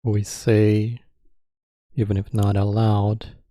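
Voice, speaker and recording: A man's voice, fairly low, very soft, dark and relaxed, guides a meditation. Short phrases come slowly and calmly, with long silences between them. The recording is dry and close.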